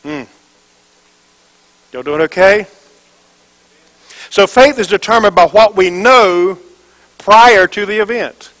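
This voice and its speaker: Pastor, male, high-pitched, preaching call-and-response style, repetitive and emphatic, questions the congregation. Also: slow pace, long pauses, fairly bright tone, poor audio. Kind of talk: sermon. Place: church before a congregation.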